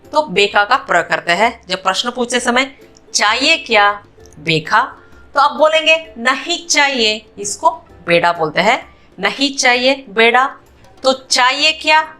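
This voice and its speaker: A woman's voice: on the high side, pushed and bright. A woman with an Indian accent teaching a beginners' language lesson, patiently repeating each phrase and drilling word pairs. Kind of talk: slow, repetitive spoken lesson.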